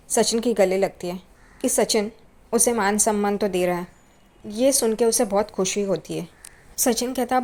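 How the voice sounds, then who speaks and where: A woman's voice: medium pitch, a little mellow. A woman retelling a TV serial episode, voicing the quoted lines with a bit more energy.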